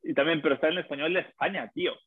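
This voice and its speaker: A man's voice: on the high side, rapid-fire, no room sound. A man, co-hosting a casual chat and joking around with silly impressions. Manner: jokey, laughing, does silly impressions. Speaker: podcast co-host. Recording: tinny phone-like line.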